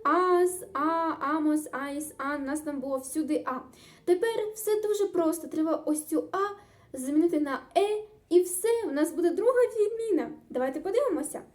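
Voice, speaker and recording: A woman's voice: high voice, normal speed. A woman tutor teaching a grammar lesson, explaining step by step in an upbeat, encouraging way. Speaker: Spanish tutor.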